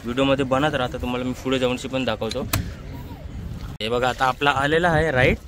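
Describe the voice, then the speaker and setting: A Mumbai-accented man vlogs casually from a small open boat on a creek, repeatedly pointing things out to his viewers. His mid-range voice is brisk, with fairly even intonation. He films on a handheld phone, and the outdoor boat recording is noisy.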